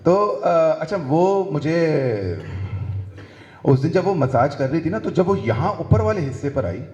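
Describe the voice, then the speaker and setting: A man's voice: on the high side, very animated, a little mellow, lo-fi sound. Brief: male stand-up comic, Pakistani Urdu accent, crude storytelling, roomy hall reverb. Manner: crude, acts out dialogue in quick voices. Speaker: stand-up comedian. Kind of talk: stand-up comedy set. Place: live comedy venue.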